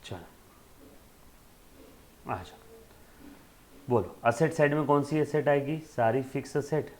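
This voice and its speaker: A man's voice: mid-range voice, lively intonation, slow, a little mellow. A male accountancy lecturer giving an emphatic classroom lecture, checking in with rhetorical questions and fondly addressing students as children.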